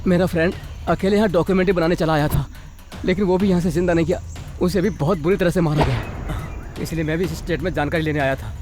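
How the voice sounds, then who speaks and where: Brief: male dubbing actor as a frightened young man explaining himself, rapid, slightly high. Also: close to an everyday voice. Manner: anxious, pleading, quick. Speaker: documentary maker. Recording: film dub with music underneath.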